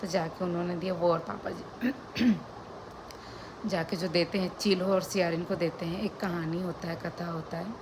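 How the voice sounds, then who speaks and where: Soft-spoken woman vlogging at home. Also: on the low side. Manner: speaks softly and slowly during a fast. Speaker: family vlogger. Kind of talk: casual vlog talk to camera. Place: home indoors. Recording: home recording with clear background noise.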